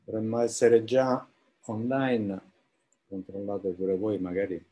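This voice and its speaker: A man's voice: on the low side, flat delivery, slow pace, dark tone, slightly rough. A man hosting an informal live interview, with hesitant, roundabout phrasing. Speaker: interview host.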